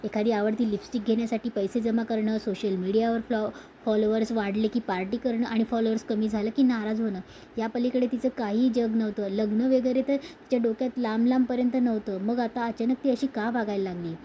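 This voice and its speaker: A woman voicing a dutiful young wife and elder sister who pleads softly and earnestly. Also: a little high, fairly even intonation, a little fast, a little hiss or hum, natural voice, rough recording. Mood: earnest, worried.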